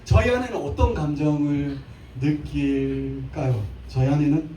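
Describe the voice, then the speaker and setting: Man preaching live, high voice, mellow tone, playful asides, roomy church sound from afar. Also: a little slow, slight background noise. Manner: playful, acts out little scenes and jokes. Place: church sanctuary. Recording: echoey church hall from a distant mic.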